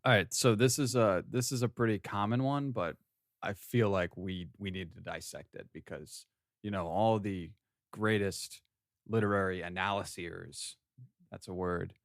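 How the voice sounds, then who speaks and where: A man's voice: sits low, steady tone, moderate pace, dry recording, clean studio sound. A man co-hosting a comedy podcast in casual chat, playful and teasing, laughing often. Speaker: podcast co-host.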